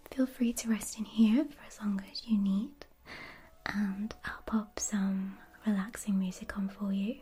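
Female, soft spa whisper for a whispered role-play as an attentive therapist; dark, relaxed tone. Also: medium pitch, unhurried, slightly rough.

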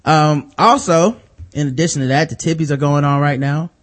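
A man's voice: on the high side, moderate pace. Laid-back American man hosting a podcast. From United States. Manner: laid-back, lots of ums and uhs. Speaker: podcast host. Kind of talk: casual chat.

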